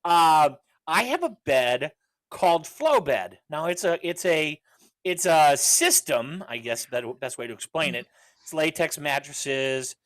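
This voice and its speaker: A man's voice: fairly high pitch, animated, a little slow, a bit bright, no echo, rough recording. A man hosting a podcast in casual chat; he rambles on and laughs often. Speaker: podcast host.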